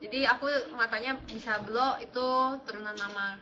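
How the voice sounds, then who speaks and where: A woman's voice: a little high, steady tone, a little fast, sharp tone. A young woman with a Jakarta Indonesian accent and a slurred r, chatting playfully as she answers viewers on a casual livestream. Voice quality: slurred r (cadel). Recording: slightly dull lo-fi stream audio.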